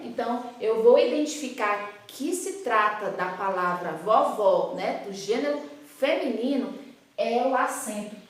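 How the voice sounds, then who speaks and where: Brazilian woman teacher, fairly high voice, patient and playful, very echoey room. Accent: Brazilian Portuguese. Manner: patient, explains slowly with many tag questions. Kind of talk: recorded classroom lesson for children.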